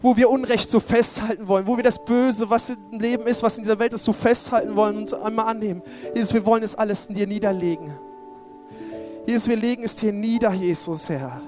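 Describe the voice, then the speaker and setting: A man's voice: high voice, steady tone, brisk, music in the background. A man preaching a sermon and then leading a fervent spoken prayer, often repeating short calls to Jesus.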